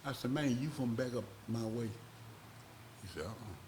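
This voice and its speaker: A man's voice: medium pitch, noisy background. Man telling a rambling story. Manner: slow, rambling, acts out voices in his stories. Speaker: podcast guest. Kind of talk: casual storytelling.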